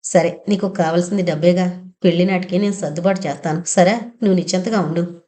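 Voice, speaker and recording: A woman voicing a loyal older male friend who talks in a brisk, reassuring, familiar way. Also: fairly low pitch, steady tone, dark tone, close to an everyday voice.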